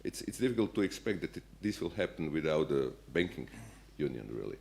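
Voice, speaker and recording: A man with a notably low voice talks on a conference panel as a policymaker. He pauses often and restarts his sentences, searching for words. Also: big pitch swings, creaky, a little mellow. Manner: hesitant, many fillers and restarts. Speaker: central bank policymaker.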